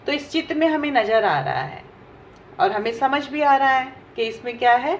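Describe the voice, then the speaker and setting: A woman's voice: sits high, animated. A woman teacher working through a textbook exercise for young children, patiently asking questions and answering them herself. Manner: slow and patient, asks and answers her own questions. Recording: dull lo-fi recording with faint hiss.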